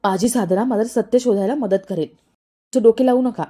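A stern elderly female guru with a very dark, mellow voice, read out by a woman. She talks in a commanding, reproachful way, like a voice in a spoken serial recap. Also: a little high, moderate pace, lightly acted.

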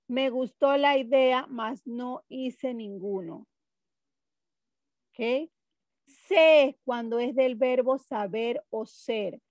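A woman's voice: high-pitched, a little mellow, no echo, studio quality. A woman teaching a Spanish class to teenagers, explaining spelling rules step by step with examples and often checking in with her students. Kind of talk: online class lesson.

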